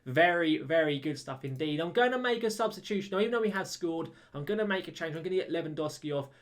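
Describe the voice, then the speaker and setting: A man giving casual, chatty commentary over a football management game, getting excited when goals go in. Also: a little high, quick pace. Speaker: gaming YouTuber. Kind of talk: let's-play commentary.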